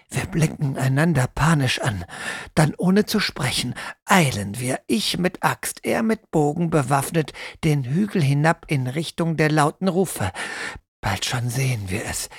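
A man narrating a first-person story in a measured, sombre audiobook manner. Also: mid-range voice, vocal fry, breathy edge, dry recording, clean studio sound.

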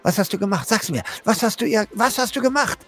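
A man's voice: sits high, expressive, fast, fairly bright tone, faint music behind. An actor playing a young father who stammers and pleads heatedly, defending the respectable life he has built.

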